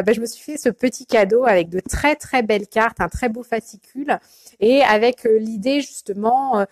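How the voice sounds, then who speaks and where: A woman's voice: fairly high pitch, dry recording. A woman coach chatting casually in a live video, hesitant and full of fillers and restarts, greeting viewers by name. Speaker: life coach.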